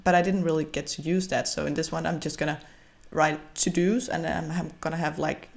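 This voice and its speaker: A young woman whose first language is Danish narrates her bullet journal video in casual, hesitant English, with frequent fillers and restarts. Her voice is low, steady, brisk, gravelly and a little mellow.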